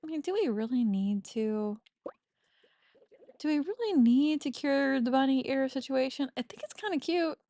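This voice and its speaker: A gaming streamer chats casually while playing a cozy farming game, giggling and teasing herself in a let's-play commentary. Her high voice is animated and mellow at a normal speed, and her nose sounds slightly stuffy.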